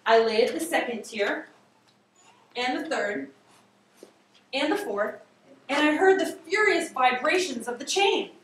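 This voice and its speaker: Like a teacher in front of a class, a woman in her thirties gives a theatrical, emphatic story reading, stretching out words, pausing often, and speaking a little slowly in a high, fairly bright, expressive voice. The far camera in the classroom picks her up distantly, with echo and noise.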